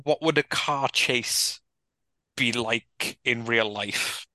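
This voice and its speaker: A man talks through a film with an easy, relaxed manner and breaks into laughter between points. His tone is bright and forward. The sound is dry and close. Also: mid-range voice, slow, no room sound. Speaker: podcast co-host. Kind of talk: casual film discussion.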